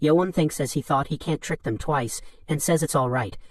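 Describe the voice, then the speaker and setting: A man's voice: fairly high pitch, moderate pace, no echo. Man narrating a story recap in a dry room.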